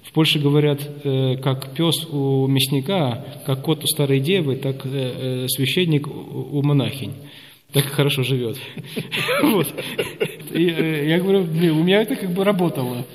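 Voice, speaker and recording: Hesitant priest in a reverberant hall. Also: male voice, fairly high pitch, unhurried. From Russia. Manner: hesitant, many filler sounds, rambling anecdotes. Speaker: Orthodox priest. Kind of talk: interview storytelling.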